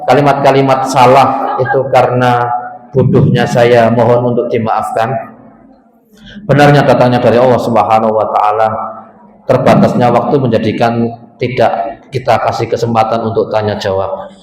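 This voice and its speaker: A man preaching a sermon in an animated way, acting out the voices of the people in his stories. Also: medium pitch, moderate pace, pauses often. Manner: animated, acts out quoted voices, mixes in Javanese words. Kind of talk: Islamic study sermon. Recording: echoey hall, long reverb.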